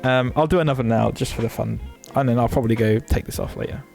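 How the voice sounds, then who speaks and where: A man's voice: medium pitch, fast, creaky, darkish tone, soft background music. A young man, streaming from his desk and chatting casually, swearing freely and interrupting himself. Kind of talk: casual livestream chat.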